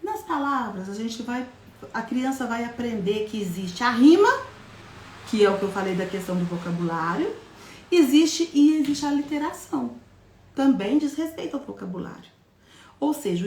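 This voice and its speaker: Woman teacher, echoey room. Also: on the high side. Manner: explains step by step, often asks the audience questions; demonstrates syllables in a lively, childlike classroom voice. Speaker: educator giving a live talk on literacy. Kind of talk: live teaching talk.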